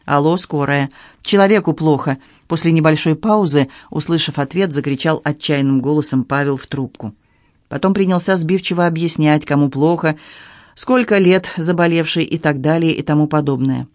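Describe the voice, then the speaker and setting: A male audiobook narrator with a somewhat high voice and a calm, measured delivery. The recording is dry and close, with no room sound. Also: no echo. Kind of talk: scripted narration.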